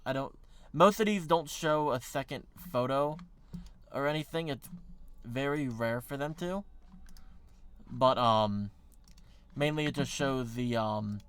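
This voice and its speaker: A man's voice: medium pitch, fairly bright tone. Rambling American man streaming casually. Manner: rambling, filler-heavy, self-correcting. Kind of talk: casual livestream chat.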